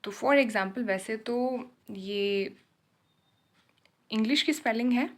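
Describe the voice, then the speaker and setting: Unhurried woman sharing class notes. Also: on the high side. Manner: unhurried, switching Hindi and English, self-correcting. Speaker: German learner teaching her class notes. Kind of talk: casual lesson.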